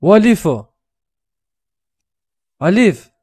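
Man in his twenties, slightly high voice, loud, joking, teasing, gaming stream, close studio mic. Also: very animated, slow pace, slightly rough. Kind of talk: live gameplay banter over voice chat. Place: small room indoors. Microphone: studio mic on arm, headset.

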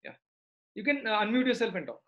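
A man's voice: sits high, very animated, fast, fairly bright tone. A middle-aged man with a South Indian accent teaches a live online maths lesson. He explains step by step and often checks that students follow with short tag questions. The sound is dull and lo-fi, like a computer mic on a video call.

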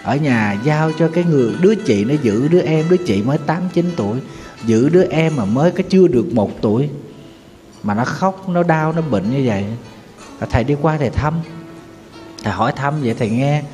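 A Buddhist monk with a Southern Vietnamese accent, giving a sorrowful storytelling sermon and now and then chanting folk verses. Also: male voice, fairly high pitch, lively intonation, a little fast, dark tone. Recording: long hall reverb with faint music.

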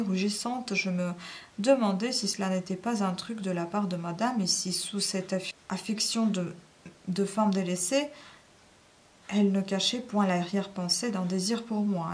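Woman reading a novel aloud. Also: mid-range voice. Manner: measured, first-person literary narration. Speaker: reader.

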